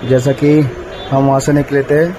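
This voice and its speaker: A man's voice: medium pitch, level tone, background noise. Winded man vlogging while climbing steps. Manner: chatty, tired, filling pauses with "matlab". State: out of breath. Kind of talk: casual travel vlog narration. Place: outdoor hillside stairway to a temple. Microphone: phone camera held while walking.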